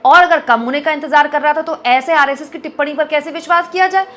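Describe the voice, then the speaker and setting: High-voiced woman posing pointed questions. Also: fairly even intonation, fast talker, fairly bright tone, a little hiss or hum. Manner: rhetorical questions addressed to viewers. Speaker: political commentator. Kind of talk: direct-to-camera political commentary.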